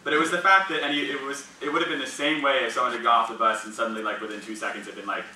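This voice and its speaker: A man's voice: medium pitch, fairly even intonation, rapid-fire, pushed and bright, slight background noise. A young man telling personal stories in a casual, rambling way, full of "like" fillers and laughs. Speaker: speaker sharing personal experience. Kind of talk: casual storytelling talk. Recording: echoey room, mic at a distance.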